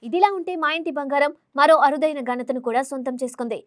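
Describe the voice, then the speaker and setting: A woman's voice: high voice, fast, no room sound, studio quality. A woman reading scripted entertainment news as a voice-over, in a formal reading delivery. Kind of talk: scripted film news narration.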